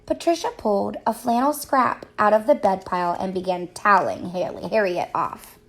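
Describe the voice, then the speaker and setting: A woman reading a picture book aloud to children, with expressive, sing-song storytelling. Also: mid-range voice, normal speed. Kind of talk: read-aloud storybook narration.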